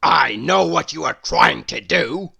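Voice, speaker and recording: A woman voicing a bad-tempered, stubborn grumpy man in a children's storybook, gruff and emphatic. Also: sits low, animated, unhurried, bright, forceful tone, exaggerated voice. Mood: angry, stubborn. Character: grumpy bad-tempered man who shouts and refuses hugs.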